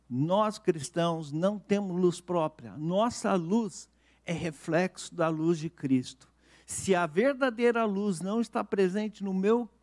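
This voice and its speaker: Man, Brazilian Portuguese accent, pastor, sermon, fairly high voice, earnest, slows down for emphasis. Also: a little mellow.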